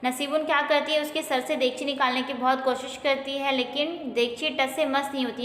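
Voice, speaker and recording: A woman's voice: high voice, a bit bright, a little hiss or hum. A woman teacher who reads a school play aloud and explains each line simply, repeating it for young pupils. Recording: roomy with long reverb.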